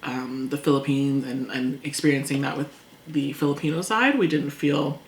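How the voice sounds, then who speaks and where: A woman chatting casually over a meal, talkative and quick to laugh, acting out things people said. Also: low-pitched. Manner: chatty, laughs often, acts out past quotes. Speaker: co-host. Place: indoors at a table. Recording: echoey room, faint noise.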